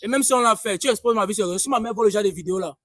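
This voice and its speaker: A man playing a furious, high-voiced young man. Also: rapid-fire, fairly bright tone, dry recording, studio quality. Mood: angry, defensive. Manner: agitated, repeats himself insistently. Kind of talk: staged street-interview skit.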